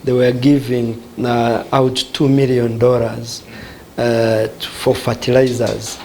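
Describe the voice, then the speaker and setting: A man's voice: medium pitch, flat delivery, slow, darkish tone, a little hiss or hum, poor audio. A man from western Uganda, a guest in a studio discussion who explains earnestly and asks himself questions that he then answers.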